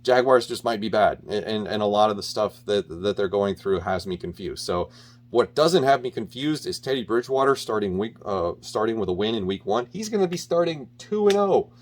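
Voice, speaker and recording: Deep-voiced guy rambling through his football picks, lots of ums and restarts, pretty opinionated. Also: brisk. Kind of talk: casual solo sports picks talk.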